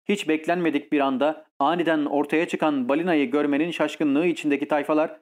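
A man narrating an adventure audiobook in a steady, measured storytelling voice. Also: fairly high pitch.

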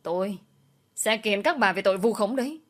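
An indignant young husband stands up for his wife, as a woman narrator voices him. He speaks forcefully, and his tone is hard and outraged. This is a dramatized storybook reading. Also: mid-range voice, lively intonation, normal speed, lightly acted. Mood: angry.

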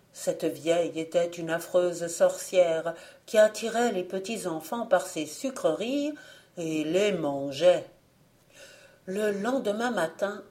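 Slow, mellow woman reading a fairy tale. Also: fairly low pitch. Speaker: audiobook narrator. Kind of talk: storybook reading.

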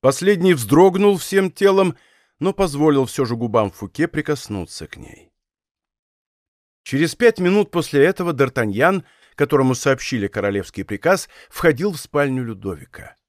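A man's voice: fairly high pitch, animated, normal speed, no room sound. A man narrating a historical novel in a studio audiobook, reading expressively and theatrically. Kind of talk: scripted narration. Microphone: studio mic.

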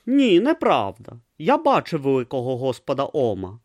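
A man's voice: mid-range voice, huge pitch swings, moderate pace, darkish tone, no echo, studio quality. A man playing a timid, naive young novice monk who speaks earnestly and hesitantly. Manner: earnest, hesitant, wide-eyed.

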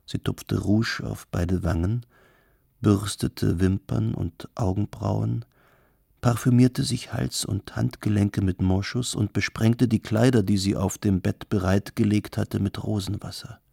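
Male audiobook narrator, calm and measured; low, creaky voice, dry booth sound. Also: no echo. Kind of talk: scripted narration.

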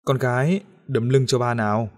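A man's voice: mid-range voice, fairly even intonation, normal speed, a little mellow, lightly acted. A man voicing a manipulative middle-aged father in an audiobook, speaking in a sweet, coaxing way that hides menace. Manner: coaxing and wheedling, turning to harsh threats.

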